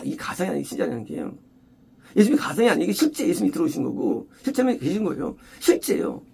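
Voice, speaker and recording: A man preaching an expository sermon as a pastor, emphatic and repetitive, often rising to loud exclamations. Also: high voice, creaky, husky.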